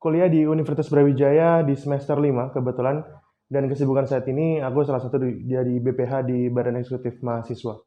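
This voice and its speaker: A twenty-one-year-old man from Indonesia, a student guest introducing himself in a brisk, matter-of-fact way. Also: medium pitch, level tone, highs cut off. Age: young adult.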